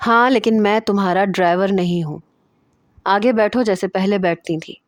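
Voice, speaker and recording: A woman's voice: mid-range voice, no echo, lightly acted. A woman voicing a stubborn, protective young husband who speaks in firm, insistent lines.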